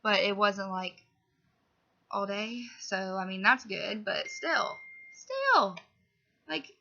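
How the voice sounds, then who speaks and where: Her medium-pitched voice is bright and a bit gravelly, with lively intonation, as this young vlogger slowly rambles through a casual update to camera while sniffling from a cold. Fillers and little asides tie her thoughts together, and the audio is dull and lo-fi, like basic home equipment.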